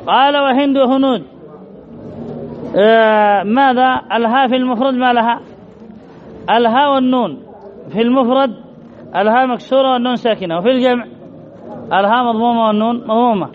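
A man teaching an Arabic grammar lesson, reading a text and explaining it slowly and methodically, asking questions and answering them himself. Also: very high voice. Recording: dull lo-fi class recording with faint noise.

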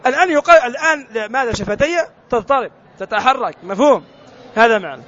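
A man's voice: very high-pitched, lively intonation, brisk, bright, forceful tone, lo-fi sound. A man teaching a Quran recitation lesson, quizzing his students and repeating letter sounds for them to copy.

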